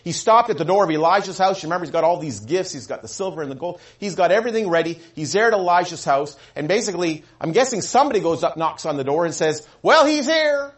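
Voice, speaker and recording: A male pastor delivers a sermon in a high voice that swings widely in pitch. He tells the story with animated energy, dropping in and out of quoted voices as he goes. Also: fast talker, few pauses.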